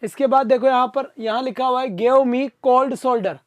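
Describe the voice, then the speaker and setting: A man teaching an exam-prep vocabulary class live online, coaxing his students to answer quickly and replying to their comments. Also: extremely high pitch, steady tone, dry recording. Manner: reads out viewer comments and answers them.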